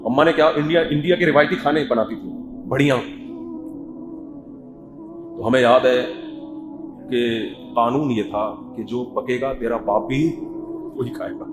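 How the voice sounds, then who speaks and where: A middle-aged man giving a religious lecture in Urdu, animated and emphatic, acting out family scenes as he talks. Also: mid-range voice, pauses often. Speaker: Islamic preacher. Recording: echoey hall with music.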